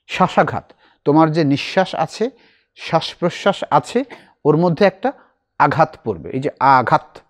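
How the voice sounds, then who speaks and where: A middle-aged man teaching a recitation class, explaining slowly and asking his students questions. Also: fairly high pitch.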